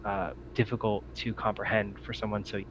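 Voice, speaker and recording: On a muffled, lo-fi recording with background noise, a man narrates as the game master of a tabletop RPG. He pieces his phrases together hesitantly, saying um often, in a lowish, level voice at a moderate pace.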